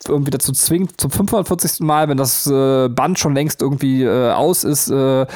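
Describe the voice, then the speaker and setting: Guy talking fast about a movie, lots of ähm, dry close mic. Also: medium pitch, darkish tone, no room sound. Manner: thinks aloud with many fillers and restarts. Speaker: podcast co-host. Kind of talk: casual film discussion.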